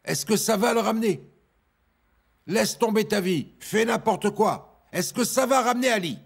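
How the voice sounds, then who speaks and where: A man's voice: high-pitched, expressive, moderate pace, vocal fry, husky, heavily acted. An actor dubbing a middle-aged father who pleads insistently with his son, repeating his commands. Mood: pleading. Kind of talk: dubbed TV drama acting.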